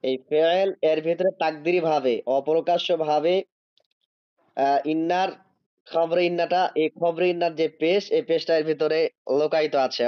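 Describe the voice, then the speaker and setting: Man teaching Arabic grammar slowly. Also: fairly high pitch, dry recording, muffled recording. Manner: explains step by step, checks if students follow; drawn-out reading of Arabic words. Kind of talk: online class lecture.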